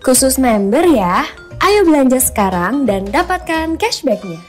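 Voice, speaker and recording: A woman's voice: high voice, big pitch swings, measured pace. A woman reading a hard-sell retail ad, urgent and promotional, stressing prices and deals. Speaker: advertising announcer. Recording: music bed behind voice. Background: clear promotional music.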